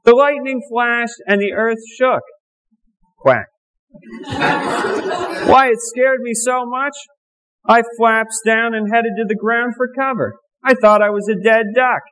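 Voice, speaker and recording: A man's voice: very high-pitched, fairly even intonation, unhurried, fairly bright tone, clean tone, low-quality recording. A man voicing a jokey male duck puppet in a church children's message, playful and wisecracking. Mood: storytelling.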